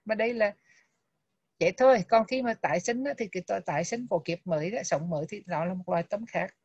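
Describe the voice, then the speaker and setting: A woman leads a lesson on a Buddhist text, spelling out English terms and repeating them slowly and deliberately. Her voice sits at a middle pitch. The recording is muffled and lo-fi, with a dry sound and no room echo. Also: darkish tone, husky. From Vietnam. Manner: slow, deliberate word-by-word pronunciation drills. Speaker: Abhidhamma teacher.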